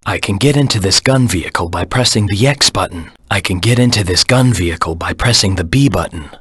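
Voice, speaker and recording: A man voicing a brooding, serious hedgehog antihero in a video game, with a low husky rasp and a measured, deadpan delivery. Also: dry recording, clean studio sound. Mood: cool, matter-of-fact. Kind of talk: scripted game tutorial voice acting.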